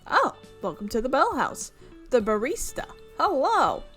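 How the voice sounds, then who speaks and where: With soft background music playing, a young visual novel let's player reads the game aloud and breaks off for chatty, amused comments on the script. Her high, fairly bright voice swoops wildly in pitch, and she takes an unhurried pace.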